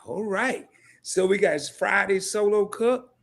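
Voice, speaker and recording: A man's voice: high-pitched, unhurried, creaky. A man hosting a casual interview, enthusiastic and playful, laughing and teasing his guests.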